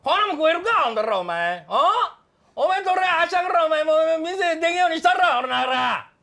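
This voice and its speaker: A man with a Kansai accent playing a loud, bullying middle-aged café customer who blusters and threatens in a comedy sketch. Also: extremely high pitch, sing-song, fairly quick, gravelly, exaggerated voice. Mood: threatening. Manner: blustering, threatening, keeps saying "you".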